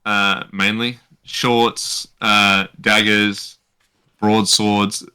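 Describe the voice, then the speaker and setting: A man narrating as game master, halting, with many fillers. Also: on the low side, flat delivery, sharp tone, clear, resonant tone.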